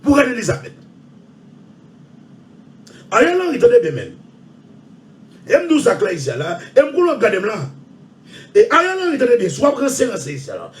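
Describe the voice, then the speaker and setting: A Haitian man with a very high voice rants on his show, his pitch swooping up and down as he repeats himself and shouts. He sounds set back from the microphone. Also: huge pitch swings, moderate pace, pauses often, distant mic. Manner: loud, repetitive, often shouting and laughing. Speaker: show host. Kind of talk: ranting monologue.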